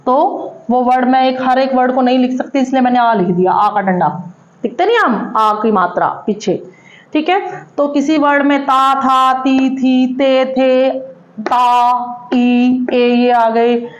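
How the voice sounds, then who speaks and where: A woman teaching English grammar at a blackboard, lively, asking the class questions and answering them herself. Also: high-pitched, takes it slowly. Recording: echoey room, dull lo-fi sound.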